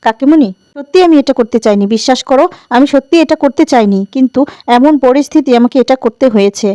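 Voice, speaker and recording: A woman's voice: high-pitched, brisk, mellow, dry recording, natural voice. A woman voicing an earnest young daughter-in-law who speaks in a sincere, pleading way.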